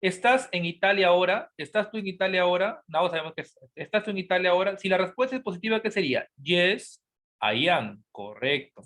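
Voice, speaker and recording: A male teacher with a fairly high, lively voice walks students through grammar, repeating every rule. He asks the class a question, then answers it himself as an imagined student, dropping to a quiet mutter at the end of those replies. His voice rises and falls a great deal as he talks. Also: a little fast. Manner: spells out each word and repeats each rule. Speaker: English teacher.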